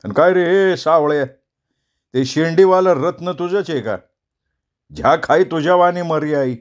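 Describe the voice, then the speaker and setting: A male storyteller voicing a loud, joking village man who teases in a rustic dialect. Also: fairly high pitch, unhurried, highs cut off, pitched above the performer's own voice, lightly acted. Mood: teasing.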